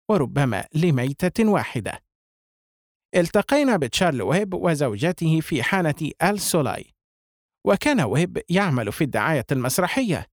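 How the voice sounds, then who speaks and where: A man reading a novel aloud as a narrator, with expressive delivery. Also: on the high side, no room sound, studio quality. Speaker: audiobook reader.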